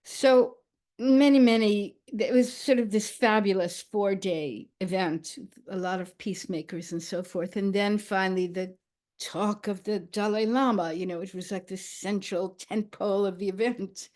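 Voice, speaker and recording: An older woman storyteller speaking slowly and reflectively, with frequent pauses and soft fillers. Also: mid-range voice. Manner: slow, thoughtful, with many pauses and fillers.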